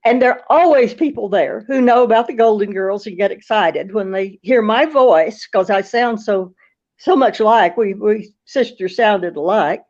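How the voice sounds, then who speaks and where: A woman's voice: medium pitch, unhurried, a little mellow, lo-fi sound. A woman with a Brooklyn accent, reminiscing casually and earnestly as an interview guest.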